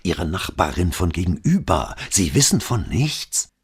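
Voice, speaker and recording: A gossipy shopkeeper who savors grim news, leaning in with a conspiratorial, gloating tone, as a male narrator plays him. His voice is very deep and husky, swinging through a wide, lively range. It is a storybook reading. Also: measured pace, exaggerated voice. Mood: gossiping. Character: gossipy male newsagent relishing bad news. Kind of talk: audiobook dialogue.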